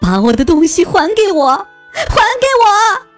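A woman voicing the vengeful ghost of an executed woman, heard as a distant, dreamlike voice in a dream, shrill and demanding. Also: big pitch swings, a little slow, faint music behind, exaggerated voice. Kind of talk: storytelling ghost tale.

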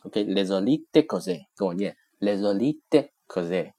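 Low-voiced man explaining a language lesson. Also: very animated, slow pace, dark tone. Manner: patient, repeats phrases several times while explaining; mixes in English comparisons. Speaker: Italian language teacher. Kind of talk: recorded textbook lesson explanation.

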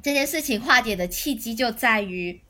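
A young adult woman co-hosting a podcast, telling a story in casual chat, animated and laughing often. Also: on the high side, normal speed. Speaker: podcast co-host.

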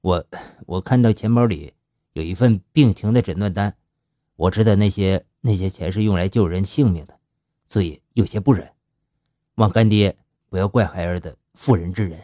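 A male storyteller voicing a soft-hearted young thief who speaks haltingly, embarrassed. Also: low-pitched, no room sound, studio quality, lightly acted.

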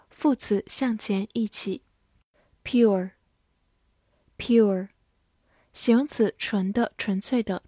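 Slow, clear woman teaching vocabulary. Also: on the high side, darkish tone, no room sound, studio quality. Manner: slow, clear, repeats each English word twice before glossing it. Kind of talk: scripted vocabulary lesson.

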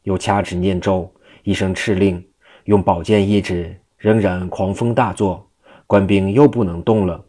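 A man narrating a classic Chinese novel in measured, rhythmic phrases. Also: low voice, fairly even intonation, mellow.

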